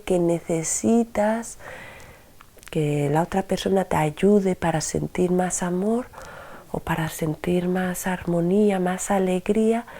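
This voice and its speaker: A woman teaching a spoken self-help lesson, expressive, dropping to soft whispers and rising sharply for emphasis. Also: on the low side.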